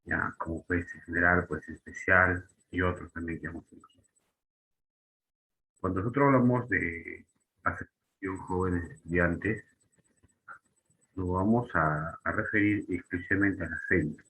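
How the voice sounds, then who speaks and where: A man's voice: sits low, measured pace, pauses often, sharp tone, rough recording. A man teaching a lesson to young students, explaining step by step with frequent fillers and tag questions. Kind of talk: spelling and grammar lesson.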